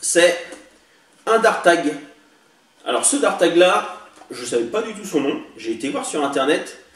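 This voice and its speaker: A toy-collector vlogger shows off toy blasters he bought in a casual show-and-tell, chatty and hesitant with lots of fillers. He speaks a little slowly in a bright voice on the high side with big pitch swings, recorded indoors on a distant camera mic in an echoey room with faint hiss.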